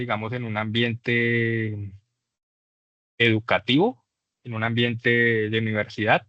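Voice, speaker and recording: A man's voice: mid-range voice, a bit bright, dry recording. Patient man teaching English. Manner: patient, explanatory, exaggerates English vowels to demonstrate. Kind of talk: class lecture. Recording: dull lo-fi dry recording.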